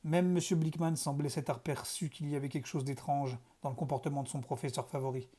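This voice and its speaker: A man reads a children's novel aloud in steady first-person storytelling. His voice sits a touch high but sounds mellow and warm, and the delivery stays calm. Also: fast talker, breathy edge. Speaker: narrator. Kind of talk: audiobook narration of a children's novel.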